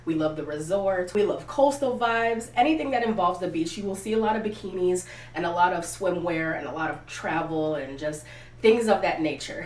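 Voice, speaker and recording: Congested and sniffling with a cold, a young channel host does a casual clothing try-on haul outdoors on a windy day, speaking candidly right to her viewers in a lowish voice. The distant mic gives a roomy echo and picks up faint ambient noise.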